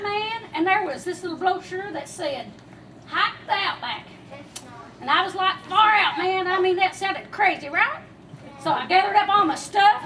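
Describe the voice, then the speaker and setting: A woman playing a laid-back, scatterbrained surfer dude who drawls slang like "man" and "crazy" in a live church skit. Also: extremely high pitch. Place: large hall with an audience. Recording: distant live recording with crowd and noise.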